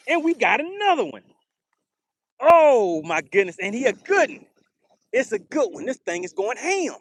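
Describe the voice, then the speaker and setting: Hyped up guy fishing live off a boat, high voice bouncing all over, laughs a lot. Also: slight background noise. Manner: excitable, laughs often, teasing banter. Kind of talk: live-stream commentary to chat. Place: on a boat on a lake, outdoors.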